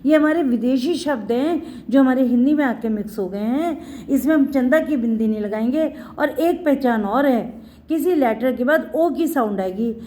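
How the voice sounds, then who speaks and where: A woman's voice: sits high, moderate pace, dark tone. A middle-aged woman teaching a Hindi spelling lesson to children, patient and repetitive, often calling her pupils "beta".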